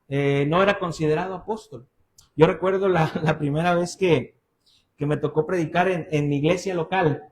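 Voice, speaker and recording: A young man with a Mexican accent preaching an expository sermon in church, telling stories and acting out the people he quotes. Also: a little high. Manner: animated storytelling, acting out quoted voices. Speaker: pastor.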